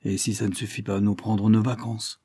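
A cool-headed police inspector who gives brisk orders and stays unruffled, as a male narrator reads his lines a touch higher. the voice is dark and husky, with the even control of a man in charge in a spoken detective tale. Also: no echo, clean studio sound. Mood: jovial. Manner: brisk and commanding.

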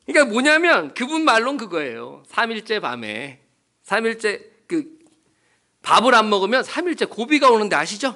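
Lively, bright-voiced male preacher. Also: sits high, moderate pace. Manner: animated storytelling with rhetorical questions to the congregation. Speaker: pastor. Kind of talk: sermon at a Wednesday prayer meeting. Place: church.

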